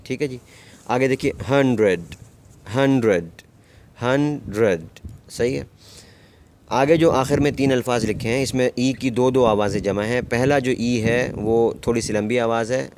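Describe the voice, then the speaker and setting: A man giving a recorded pronunciation lesson, speaking slowly and carefully and repeating each example word twice. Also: mid-range voice, darkish tone, a little hiss or hum. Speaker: English teacher.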